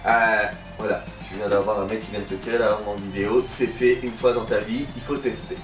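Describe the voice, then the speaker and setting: A young adult man with a slushy lisp on his s sounds, chatting casually and playfully as an animated channel host. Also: on the low side, fast. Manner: animated, playful, swinging emphasis. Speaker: host of a gaming and vlog channel. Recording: roomy echo, distant mic, music behind. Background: music.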